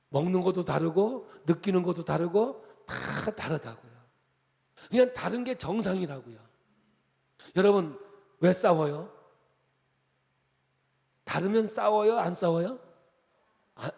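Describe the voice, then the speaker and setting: A man preaching a revival sermon in a high, gravelly voice. His delivery is animated and jokey, dropping soft then rising loud. A long reverb trails each phrase, as in a church hall. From Chungcheong, Korea. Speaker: pastor.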